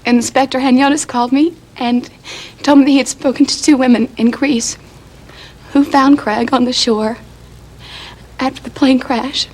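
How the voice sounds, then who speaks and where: A woman's voice: high voice, steady tone, normal speed, darkish tone. An actress playing an overjoyed young woman in a 1980s daytime soap, breathless and laughing through tears, heard from an old VHS tape recording. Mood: earnest. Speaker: soap opera character, a young wife.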